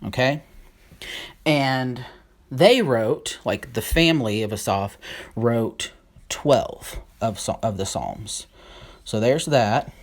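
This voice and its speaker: Thinking aloud and unsure of some names, a Bible study video host works through a casual lesson on a board. The voice sits at medium pitch and the pace is halting.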